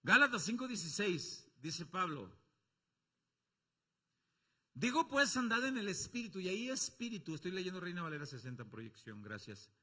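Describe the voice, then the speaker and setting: Lively bright-voiced Mexican pastor preaching. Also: male voice, moderate pace. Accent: Mexican Spanish. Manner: dramatic preaching that swings from loud calls to low asides; acts out quoted voices. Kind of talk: sermon. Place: church.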